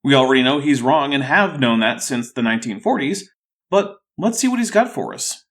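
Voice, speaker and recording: A man's voice: mid-range voice, animated, normal speed. A man with a thick, sore-throated voice hosting a scripted rebuttal video in a dry, skeptical way. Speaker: YouTube host.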